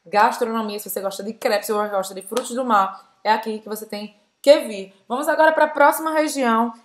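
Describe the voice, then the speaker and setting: Chatty Brazilian woman with a higher voice. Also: brisk. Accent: Brazilian Portuguese. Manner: chatty, explains and checks in with "tá?". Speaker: host, language teacher. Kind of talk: casual teaching chat.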